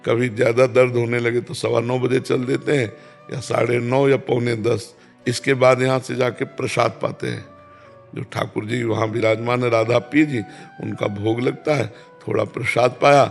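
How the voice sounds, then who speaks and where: A man, calmly answering devotional questions as a spiritual teacher and repeating key phrases. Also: medium pitch, vocal fry, faint music behind. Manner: calm, repeats key phrases, chants verses slowly.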